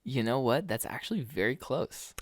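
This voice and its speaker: A man in a casual podcast chat who rambles through his stories with plenty of fillers and easy laughs. His voice sits at a middle pitch, recorded close and dry with no room sound. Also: animated, moderate pace, no echo. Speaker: podcast co-host.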